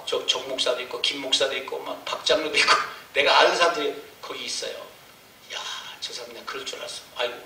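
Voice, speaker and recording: A man's voice: a little high, sharp tone, slight background noise. A man preaching a sermon, telling a personal story with strong emotion and acting out his own prayers and cries, recorded from a distance in an echoey church. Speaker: missionary preacher. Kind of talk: sermon testimony. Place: church sanctuary.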